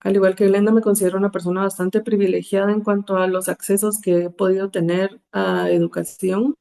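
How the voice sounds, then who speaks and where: A woman from Guatemala City with a Guatemalan Spanish accent, a psychologist speaking as a podcast guest in a measured, reflective way. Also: medium pitch, level tone, creaky, warm tone. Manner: measured, reflective, uses fillers like digamos. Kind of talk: podcast interview answer.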